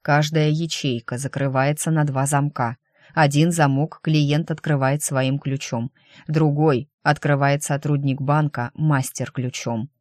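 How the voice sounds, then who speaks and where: A narrator reading the lines of a calm, persuasive young man in an audiobook, low and earnest. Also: a little slow, dry recording, clean studio sound, lightly acted. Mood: explaining.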